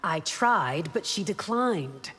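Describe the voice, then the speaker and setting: In an echoing hall with clear background noise, an actress gives full character voice to a formal, resolute royal guard warrior woman, loyal, solemn, and steely, for a fantasy fighting game's fighter intro. Her lowish voice is animated, slow, and sharp in tone.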